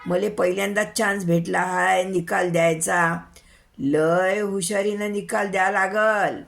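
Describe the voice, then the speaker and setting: Young male village healer, nervous, pompous slow verdicts, Varhadi accent, gravelly, a woman acting him. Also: mid-range voice, steady tone, fairly bright tone, soft background music. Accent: Varhadi Marathi.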